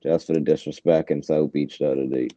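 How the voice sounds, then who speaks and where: A man's voice: rumbling low, flat delivery, fairly quick, mellow, no room sound, highs cut off. A man co-hosting a casual sports chat, brash and slangy, talking up his picks with swagger. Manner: brash, slangy trash talk. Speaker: co-host.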